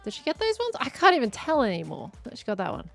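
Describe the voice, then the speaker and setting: A woman's voice: fairly high pitch, wildly swooping pitch, fast talker, gravelly, soft background music. A woman streaming a game, chatting casually in a playful, teasing way. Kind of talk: casual chat while gaming.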